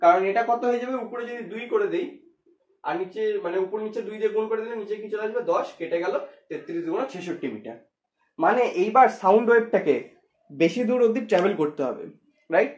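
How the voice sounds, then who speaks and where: A physics teacher works through a lesson one step at a time. Points get repeated, and each one ends in a quick rhetorical check. The mid-pitched voice rings in a roomy, echoing space. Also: animated, a little mellow, highs cut off. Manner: explains step by step, repeating and asking rhetorical questions. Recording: echoey room.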